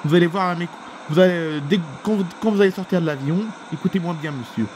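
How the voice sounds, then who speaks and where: Man doing apologetic flight attendant, stumbling and polite, higher pitch, noisy home recording. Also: fast, a little mellow, lightly acted. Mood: flustered.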